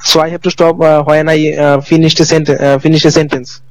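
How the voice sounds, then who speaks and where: Hesitant male IELTS student, flat voice. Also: fairly high pitch, brisk, rough recording. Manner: hesitant, many fillers and repetitions. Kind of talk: speaking practice.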